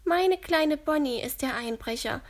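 A woman voicing a kindly elderly woman who speaks calmly and reassuringly. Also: sits high, measured pace, pitched above the performer's own voice.

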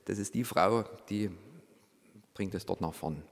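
A middle-aged man with a low voice tells his story with lively energy. He slips into a hushed tone whenever he acts out the dialogue. The sound carries a long, lingering reverb. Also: measured pace, creaky. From Saxony, Germany. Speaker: former reality show participant. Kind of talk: personal storytelling.

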